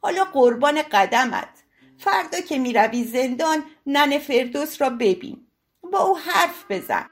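A woman's voice: high-pitched, expressive, voice pushed up. A woman voicing a dramatic, gossipy aristocratic older lady telling a breathless tale.

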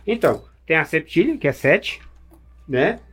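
A man explaining cordel verse forms in casual chat, patient and halting, with many restarts. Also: a little high, big pitch swings, breathy edge.

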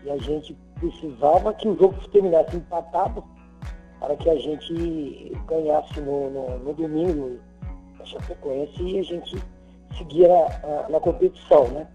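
A Brazilian man in his sixties, a former footballer, reminiscing casually in an interview, halting and repeating words as he recalls. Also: a little high, dark tone. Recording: muffled, band-limited sound, faint music.

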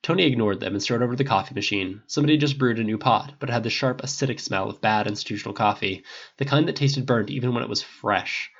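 A man narrating a fan-fiction audiobook in an expressive, wry way, on a dull lo-fi recording. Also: mid-range voice, fast, creaky, slightly rough.

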